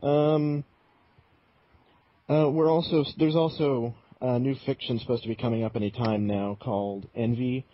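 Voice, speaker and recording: A man's voice: medium pitch, fairly even intonation, moderate pace. A man co-hosting a casual podcast, laid-back and joking, reading out news items. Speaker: podcast co-host. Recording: muffled lo-fi recording.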